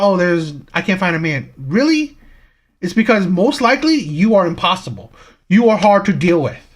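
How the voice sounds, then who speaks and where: A man hosting a live stream, giving casual commentary on clips in a lecturing way, full of rhetorical questions and repeats. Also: high-pitched.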